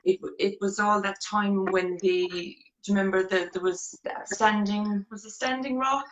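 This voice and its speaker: Host, middle-aged woman, unhurried chatty delivery, filler-heavy, roomy webcam sound. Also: mid-range voice, fairly even intonation. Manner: chatty, many fillers and restarts. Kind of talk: casual live-stream interview. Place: small room indoors.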